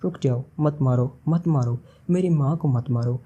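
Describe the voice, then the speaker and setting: A man's voice: mid-range voice, mellow, slightly rough, dull audio, close to an everyday voice. A man reading the lines of a desperate princess who pleads tearfully for her mother's life. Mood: pleading. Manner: tearful, begging.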